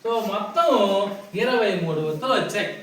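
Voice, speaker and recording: Woman teacher quizzing small kids, heard from afar in a booming room. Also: very animated, fairly quick. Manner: questioning children, coaxing answers. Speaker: primary school teacher. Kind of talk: classroom teaching to children. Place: classroom. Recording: echoey classroom from far off.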